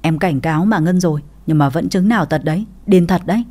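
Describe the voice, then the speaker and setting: A blunt young sister-in-law with a sharp tongue, as a woman storyteller puts her on. She speaks in a low, mellow voice. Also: fast talker, lightly acted. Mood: mocking.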